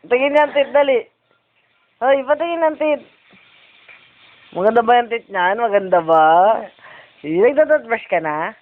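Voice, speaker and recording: A woman's voice: a little high, measured pace, long pauses, phone-quality sound. A woman in a home video coaxing a toddler, playfully repeating words. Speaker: family member coaxing a toddler.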